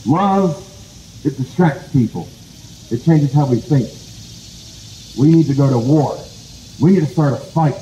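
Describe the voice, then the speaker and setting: A man voicing a solemn male Great Bear in a told folk tale, slow and proclaiming. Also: fairly high pitch, warm tone, roomy sound, muffled recording, slight background noise, close to an everyday voice.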